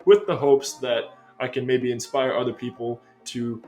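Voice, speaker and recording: Upbeat American man explaining clearly. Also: mid-range voice, a little mellow, soft background music. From United States. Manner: upbeat and explanatory, stressing key points slowly. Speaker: language-learning video host. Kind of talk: scripted explainer review.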